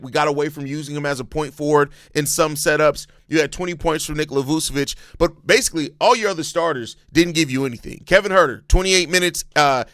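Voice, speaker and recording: A man's voice: a little high, a bit bright, clear, resonant tone, no room sound, clean studio sound. An American man giving casual sports commentary as a host, informal and emphatic, repeating points to drive them home.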